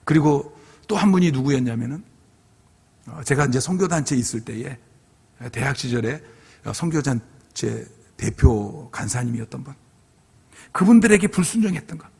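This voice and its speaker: Earnest pastor, gravelly voice, church reverb. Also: male voice, mid-range voice, expressive, normal speed, pauses often, darkish tone. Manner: earnest storytelling, acting out his own past pleas. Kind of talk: revival sermon with personal testimony. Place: church sanctuary. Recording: long hall reverb.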